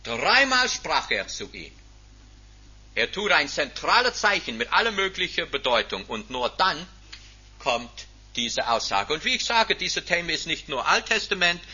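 Emphatic preacher man, lively and bright. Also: fairly high pitch, unhurried, slightly rough. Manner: emphatic, swings from loud stresses to near-whispers. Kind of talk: sermon. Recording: dull lo-fi recording.

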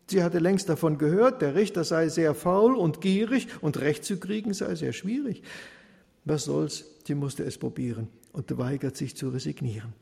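A man telling a story in rhyming verse with a lively, rhythmic delivery. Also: on the high side, moderate pace, vocal fry, big-room sound.

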